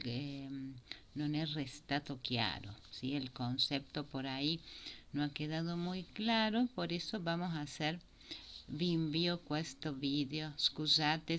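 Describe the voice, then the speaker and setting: Woman, unhurried recorded language lesson, low voice. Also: a bit bright, slight background noise. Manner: slow, explanatory, mixing Italian and Spanish. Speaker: Italian teacher. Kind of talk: recorded grammar lesson for Spanish speakers.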